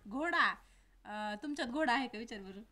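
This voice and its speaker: A woman's voice: a little high, lively intonation, moderate pace, bright, forceful tone. A woman filming at home, chatting with a small child and coaxing her with repeated questions. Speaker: family member filming a toddler. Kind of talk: casual chat with a small child.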